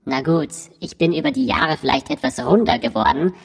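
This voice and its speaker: A woman in a disguised deep voice, voicing an aging, boastful dinosaur who speaks the riddling clues of a quiz. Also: big pitch swings, a little fast, gravelly, husky, exaggerated voice. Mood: proud. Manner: riddling, rhyming clue delivery. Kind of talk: scripted quiz clue recording. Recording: recording with long hall reverb.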